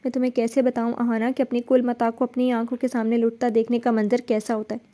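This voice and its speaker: A woman's voice: fairly high pitch, completely flat delivery, warm tone, lightly acted. A woman voicing an anguished young man. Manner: anguished, pleading. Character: young man grieving his murdered parents.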